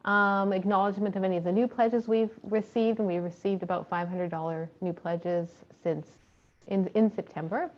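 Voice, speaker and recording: A woman's voice: mid-range voice, normal speed. Woman reporting over a muffled call. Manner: steady, with frequent ums and uhs. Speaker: fundraising coordinator. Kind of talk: presenting a report at a committee meeting.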